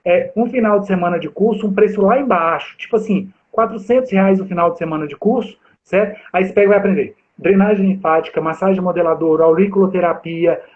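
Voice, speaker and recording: A Brazilian guest instructor in his forties talks animatedly on a video call, addressing his live audience directly. His high-sitting voice goes at a quick pace with few pauses over a tinny, phone-like line.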